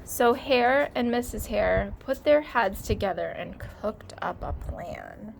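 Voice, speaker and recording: A woman teacher reading a storybook aloud to children, pausing to comment and ask questions. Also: medium pitch, expressive, vocal fry, slight background noise, rough recording.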